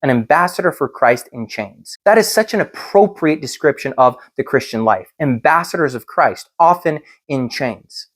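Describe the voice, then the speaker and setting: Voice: medium pitch, animated, normal speed, few pauses. A preacher teaching a Bible lesson, reading and expounding in an emphatic, rhetorical way that builds through repetition.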